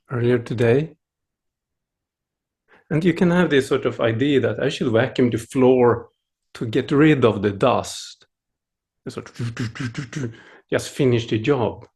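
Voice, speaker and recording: A middle-aged Swedish meditation teacher, a native Swedish speaker with a Swedish accent, gives a dharma talk at an online retreat over a video call. His medium-pitched delivery is gentle, playful and unhurried, full of chuckles, pauses and moments of searching for words.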